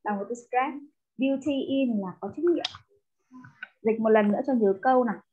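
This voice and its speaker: A woman tutors a single pupil in English, walking through each word patiently. Her voice sits a little high. It comes through a thin, phone-like line. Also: moderate pace, slight background noise. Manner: explains step by step, mixing English words into Vietnamese. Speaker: English teacher. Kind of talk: one-on-one tutoring lesson.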